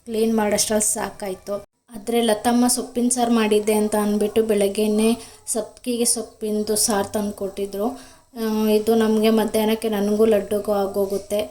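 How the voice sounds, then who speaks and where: A young homemaker and vlogger with a warm, mid-range voice chats casually at home, explaining her chores as she works through them in vlog-style narration.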